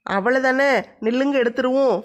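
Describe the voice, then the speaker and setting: A woman's voice: high-pitched, fairly quick, lightly acted. A woman playing a bold, helpful young village woman in a family skit, cheerful and teasing.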